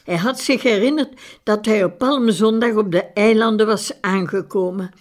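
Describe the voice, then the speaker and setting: A woman reading a biographical story aloud in a calm, measured way. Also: medium pitch. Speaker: narrator. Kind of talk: scripted audiobook narration.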